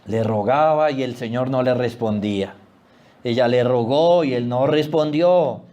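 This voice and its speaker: A man preaching a sermon as pastor, swinging between loud exclamations and hushed low asides. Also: measured pace, muffled recording.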